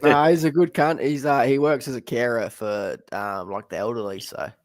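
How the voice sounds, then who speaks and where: A man's voice: mid-range voice, fairly even intonation, normal speed. An Australian man in casual conversation, blunt and free with his swearing. The sound is dry, with very little room echo. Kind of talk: casual chat.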